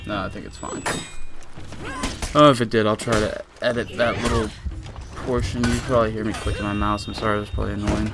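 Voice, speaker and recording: A young man with a lowish, creaky voice rambles casually through a voice-over on his own game footage. His delivery is laid-back, full of fillers and restarts.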